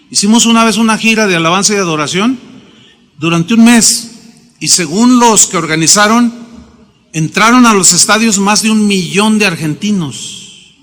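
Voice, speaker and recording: Middle-aged male pastor, high forceful voice, emphatic storytelling sermon, reverberant hall. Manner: emphatic, storytelling with acted quotes.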